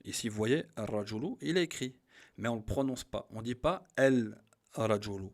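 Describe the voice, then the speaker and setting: Man, teacher, patient, slow repeated examples, mid-pitched voice. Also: lively intonation. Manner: patient, repeats each example slowly and stresses the Arabic words. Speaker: Arabic teacher. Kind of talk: grammar lesson.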